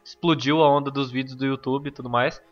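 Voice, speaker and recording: A Brazilian man on a casual podcast, explaining things in a relaxed way. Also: mid-range voice, a little fast, lo-fi sound, soft background music. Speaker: podcast co-host.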